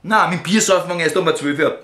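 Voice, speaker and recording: A man's voice: brisk, roomy sound. Brash Viennese man on a phone call. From Vienna, Austria. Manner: crude, brash, swings between loud outbursts and low mutters. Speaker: comedian. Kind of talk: one-sided comic phone call. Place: at home, indoors.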